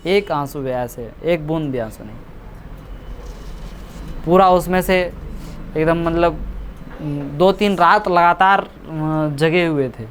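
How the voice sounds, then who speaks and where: A man's voice: fairly high pitch, slow pace, long pauses, a little hiss or hum. A man teaching a class, chatty and joking, teasing and scolding his students. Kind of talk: classroom lecture explaining a story.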